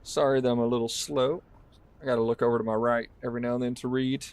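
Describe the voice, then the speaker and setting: A man's voice: mid-range voice, quick pace. A male streamer giving casual commentary as he plays, talking through each move and chatting with viewers. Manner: relaxed, talks through each move while playing.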